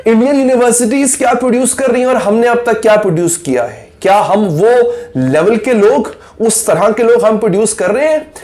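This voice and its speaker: High-voiced man lecturing earnestly. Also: a little fast, few pauses, a little mellow. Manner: rhetorical questions, lecturing, self-critical. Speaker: YouTube commentator. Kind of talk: earnest video monologue.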